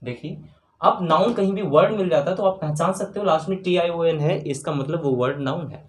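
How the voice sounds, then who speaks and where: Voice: medium pitch, fairly quick. Teacher spelling words letter by letter. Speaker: English grammar teacher. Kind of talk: exam-prep grammar lecture. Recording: roomy room with faint background noise.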